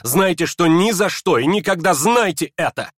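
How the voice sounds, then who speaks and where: A man reading aloud and voicing a proud young woman, furious and scornful, in shrill indignant outbursts. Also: animated, normal speed, fairly bright tone, no echo, studio quality. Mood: hysterical.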